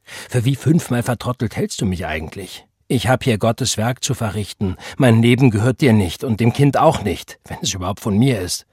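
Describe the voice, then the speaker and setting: An indignant, self-righteous preacher, read by a man in a low, husky voice. He snaps back in scorn and defends himself. The sound is dry and close. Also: expressive, normal speed, a little mellow, dry recording.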